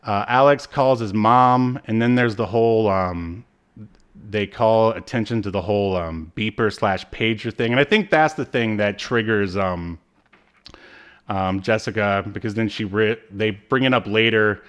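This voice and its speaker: A podcast co-host recaps a TV episode in casual chat, hesitant and rambling. His voice is on the low side, a bit bright and smooth, at a measured pace.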